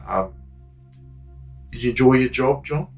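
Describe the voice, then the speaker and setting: A man's voice: medium pitch, measured pace, a little mellow, poor audio. An Australian man hosting an interview, prompting his guest with short questions and interjections. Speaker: podcast host. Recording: background music bed.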